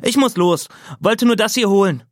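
A man voicing a brash, teasing teenage boy who talks loud and cocky, with his voice pushed well above his own. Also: sits high, normal speed, no echo, studio quality, voice pushed up, close to an everyday voice.

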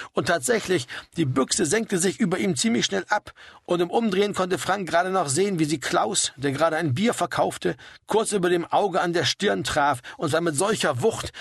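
A man reading a story aloud in a steady, wry narrating manner. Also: on the high side, creaky, breathy edge, dry recording, clean studio sound. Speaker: audiobook reader. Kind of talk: scripted narration.

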